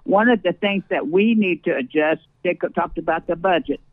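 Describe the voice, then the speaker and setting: A man's voice: sits high, normal speed, dry recording. A man talking informally about official business as a radio guest, heard over a thin phone-like line. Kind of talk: informal political talk.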